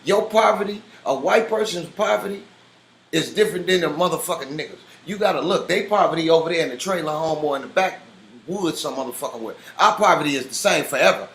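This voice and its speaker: Heated male guest, bright tense tone, profane and insistent. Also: on the high side, brisk, vocal fry. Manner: profane, insistent, talks over the host. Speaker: interview guest. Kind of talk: heated argument. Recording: roomy studio echo.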